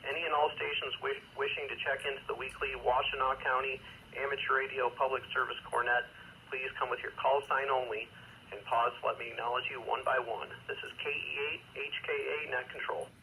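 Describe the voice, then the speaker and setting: Man on two-way radio with static, bright voice. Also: mid-range voice, steady tone, gravelly, low-quality recording. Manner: measured, formal, with hesitant asides. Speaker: amateur radio net controller. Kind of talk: procedural radio net announcing, reading protocol. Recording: radio transmission with faint static noise.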